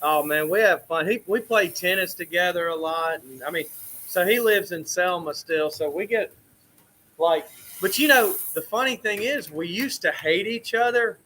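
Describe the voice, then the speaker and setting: A young man, rambling through casual stories as the host, with many restarts and animated asides. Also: high voice, normal speed, slight background noise, rough recording. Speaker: coffee roaster host. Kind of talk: casual storytelling chat.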